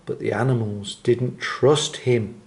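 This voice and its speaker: A man reading a children's story aloud in a gentle, expressive way, slowing down for dramatic phrases. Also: medium pitch, vocal fry.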